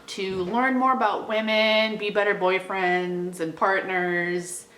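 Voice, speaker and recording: A young adult book vlogger from a small town chats casually and giggles through self-deprecating book recommendations. Her medium-pitched voice is steady, a bit bright and slow-paced. The untreated room sounds echoey, with a slight hiss or hum.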